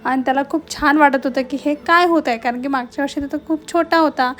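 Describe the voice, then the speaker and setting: A woman's voice: high voice, quick pace, fairly bright tone. A woman filming her small children at home, teasing and scolding them and then narrating to the camera. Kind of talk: casual family video with narration.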